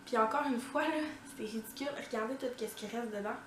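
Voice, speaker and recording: Québécois woman vlogger, casual and chatty with frequent fillers, slightly high voice, light background hiss. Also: quick pace. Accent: Québécois French. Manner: chatty, many "euh" fillers. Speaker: beauty vlogger. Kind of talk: casual product review to camera. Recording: echoey room.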